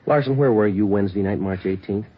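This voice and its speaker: A deep-voiced, clipped police detective. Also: male voice, fast, breathy edge. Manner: flat, methodical, clipped questioning. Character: calm, persistent male police detective. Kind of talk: 1940s radio drama acting. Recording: dull, faintly hissy old radio broadcast.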